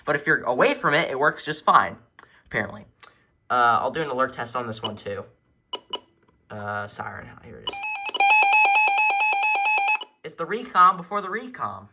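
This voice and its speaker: At home, a man proudly walks through his weather radio collection, chatting casually while holding the camera himself and staying out of frame. His medium-pitched voice is sing-song and moderately paced, with frequent pauses; faint noise and clicking buttons run underneath.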